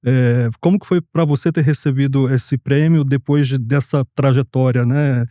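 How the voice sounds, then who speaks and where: A man's voice: mid-range voice, fairly even intonation, normal speed, mellow, no echo, studio quality. A man moderating an interview as a journalist, asking questions and often adding tag questions.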